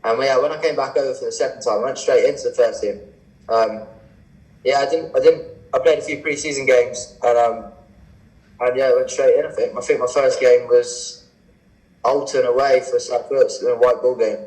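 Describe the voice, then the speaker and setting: A young man in his twenties chats casually as a podcast guest. He tells his stories with animation and acts out both sides of quoted exchanges. His mid-pitched voice carries a roomy echo. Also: fairly even intonation, moderate pace, a little mellow. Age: 20s. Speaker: guest cricketer.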